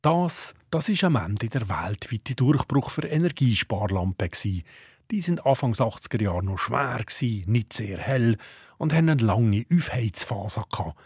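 A man with a Swiss German accent narrating a documentary report in a measured, descriptive way. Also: medium pitch, a little mellow, slightly rough, no echo, clean studio sound.

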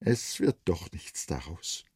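Audiobook casting: a man doing a tender, impulsive village girl, husky and raised, with a dry, close sound. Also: sing-song, slow, darkish tone, no echo, full character voice. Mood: tearful. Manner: raised girlish pitch, pleading. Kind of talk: audiobook character voice.

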